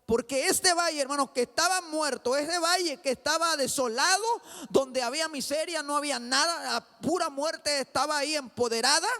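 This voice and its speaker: A man's voice: very high voice, moderate pace, vocal fry, pushed and bright. A pastor preaching a sermon, fervently calling on his congregation and addressing them again and again as brother. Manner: fervent preaching, repeats "hermano", calls congregation to answer. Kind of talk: Spanish-language sermon. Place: church sanctuary. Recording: long church reverb.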